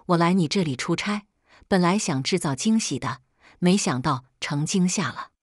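Woman doing the protective fiery best friend in a storybook reading, husky and dry sounding. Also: fairly low pitch, expressive, normal speed, dry recording. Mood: caring. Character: worried loyal young woman best friend.

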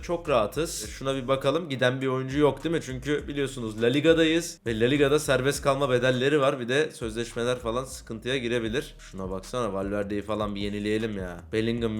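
A young man casually commenting on a football career-mode game, talking to viewers and swinging between cheer and grumbling. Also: medium pitch. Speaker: gaming YouTuber.

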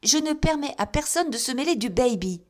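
Haughty, imperious mother, indignant and commanding, pitched up and louder, read by a woman. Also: expressive, brisk. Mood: haughty scolding. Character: haughty scolding middle-aged mother, imperious.

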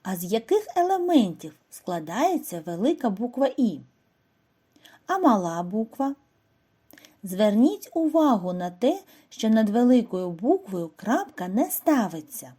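A woman giving a scripted reading and spelling lesson to first graders, speaking slowly and clearly and asking the children questions. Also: a little high, sing-song, dark tone. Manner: slow, clear, instructive delivery with questions to children. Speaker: primary school teacher.

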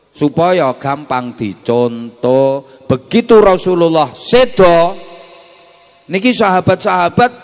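A man with a Javanese accent preaches in a fairly high voice, joking and quizzing his listeners. His voice rings out with a long hall reverb around it. The pace moves between slow stretches and quick asides. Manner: jokey, mixes Javanese and Indonesian, quizzes the audience. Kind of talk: humorous religious sermon.

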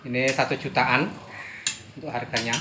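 A man's voice: medium pitch, steady tone, normal speed, noisy background. A man from Indonesia filming a casual sales vlog outdoors at a bird shop, talking chattily and repeating set phrases. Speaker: bird seller.

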